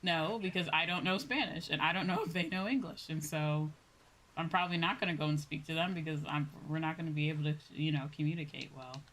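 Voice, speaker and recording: A woman livestreamer chats casually with her viewers while gaming, thinking aloud in a rambling way and often trailing off. Her voice is low and steady with a fairly bright tone, and she talks fast. The low-quality recording carries slight background noise.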